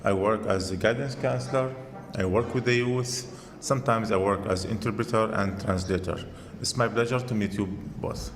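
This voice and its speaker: A man from Syria, a guidance counselor, answering podcast interview questions in calm, simple sentences. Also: lowish voice, normal speed, crowd noise. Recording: reverberant room, faint ambience.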